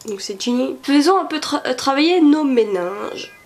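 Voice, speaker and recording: A woman's voice: high voice, animated, normal speed. Chatty French woman thinking aloud. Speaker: YouTuber doing a quiz. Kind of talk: casual quiz commentary.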